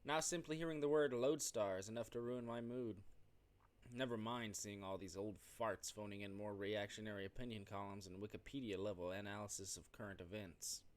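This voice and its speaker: Speaking a little fast in a fairly low voice, a gaming streamer reads a visual novel's narration aloud expressively during his playthrough. He stumbles and corrects himself now and then, adding off-the-cuff reactions.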